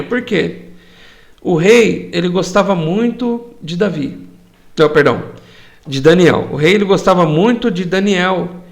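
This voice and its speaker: Guy teaching bible study, high voice, kinda gravelly, keeps asking the room questions. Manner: explains words with rhetorical questions.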